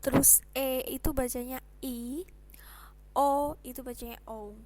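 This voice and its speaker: A young woman teaching English pronunciation in a casual online lesson, explaining slowly and patiently with chatty asides. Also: high-pitched, fairly even intonation, a little mellow.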